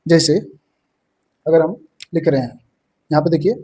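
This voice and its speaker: Soft-toned man teaching a language class. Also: fairly high pitch, steady tone, moderate pace, husky. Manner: explains each term, repeats "ठीक है" often. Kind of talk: exam-prep video lesson.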